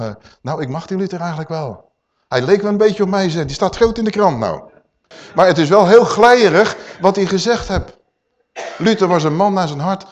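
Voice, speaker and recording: A middle-aged man preaching a sermon, putting questions straight to his congregation. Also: a little high. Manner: animated, addresses the congregation directly with questions.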